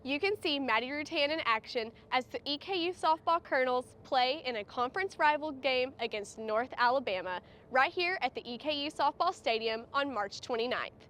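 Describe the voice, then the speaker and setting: A woman's voice: high voice, lively intonation, normal speed, a bit bright, slight background noise. A woman student reporter reading a scripted news package.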